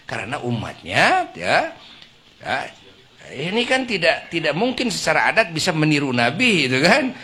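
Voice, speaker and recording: Lively, bright-voiced male preacher. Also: fairly high pitch, moderate pace. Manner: swings between soft murmurs and loud exclaims, acts out scenes. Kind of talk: lively sermon to a women's congregation.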